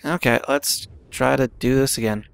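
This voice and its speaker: A man's voice: mid-range voice, gravelly, smooth, dry recording. A man giving casual, chatty commentary over his own video game play, talking to himself. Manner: chatty, self-talking, quick bursts when excited. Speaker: gaming channel host.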